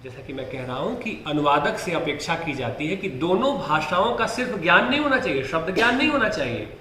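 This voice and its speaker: Male lecturer, raised pitch, checks in with students, echoey room, faint hiss. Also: big pitch swings, brisk, sharp tone. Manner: asks rhetorical questions and answers them himself; keeps checking in with the listener. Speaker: Hindi literature teacher. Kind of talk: exam-prep lecture.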